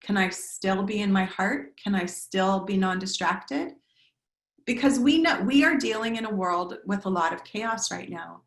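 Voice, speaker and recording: A woman meditation teacher giving a gentle, reflective talk on a video call, slowing down to list words one by one. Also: mid-range voice, expressive, reverberant. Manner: gentle, reflective, lists words in slow cadences.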